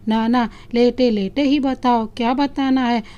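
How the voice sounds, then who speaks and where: A woman reads a storybook, playing a young husband who fondly and playfully teases his wife. Her slightly high voice is smooth and dark-toned, steady, measured, near her everyday voice, and the recording is muffled.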